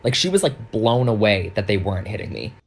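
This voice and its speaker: A man's voice: fairly low pitch, sing-song, fairly quick, creaky, a little hiss or hum. A man telling a school story in a casual, matter-of-fact way with many "like" fillers. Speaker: TikTok creator.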